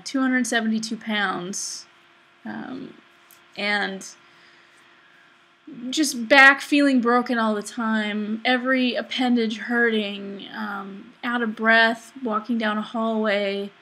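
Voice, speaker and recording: A woman vlogger talking confessionally about herself, reflective and halting as she thinks aloud. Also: a little high, fairly even intonation, pushed and bright. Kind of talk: confessional personal vlog.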